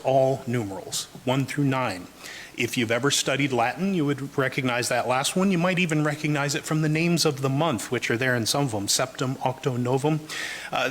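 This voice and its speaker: A man delivering a measured, explanatory sermon-style talk at a church service, slowly reciting lists of words as examples. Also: mid-range voice, a bit bright. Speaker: guest speaker at a church service.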